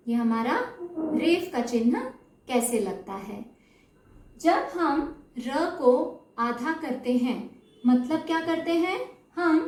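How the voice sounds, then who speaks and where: A woman with a high voice teaches children, speaking slowly and stretching out syllables to model their sound. She keeps checking that they follow along. The recording is roomy and echoey, with her voice set back from the mic. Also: darkish tone. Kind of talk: slow explanatory lesson. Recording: echoey room, mic at a distance.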